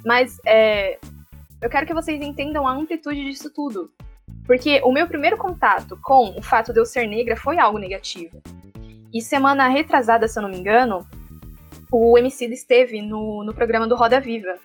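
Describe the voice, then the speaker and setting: A woman with a Brazilian Portuguese accent, telling viewers a personal story in a casual, animated way and acting out what others said. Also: a little high, normal speed, faint music behind. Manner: animated, often acts out quoted voices. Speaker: vlogger.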